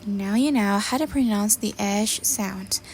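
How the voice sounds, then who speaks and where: A woman's voice: medium pitch, measured pace, darkish tone, slight background noise. A woman giving a class presentation on pronunciation, explaining step by step and introducing each sound with examples.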